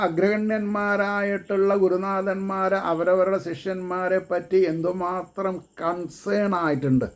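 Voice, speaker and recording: Man, high-pitched, slow, devotional discourse, chanted verses. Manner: chants verses slowly, then explains in quick bursts. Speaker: devotional speaker.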